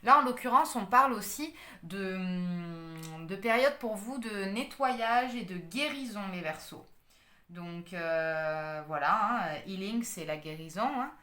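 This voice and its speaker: A woman's voice: medium pitch, lively intonation, takes it slowly, pushed and bright, reverberant. A woman giving a casual tarot and astrology reading, talking with many hesitations, fillers and restarts. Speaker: tarot card reader.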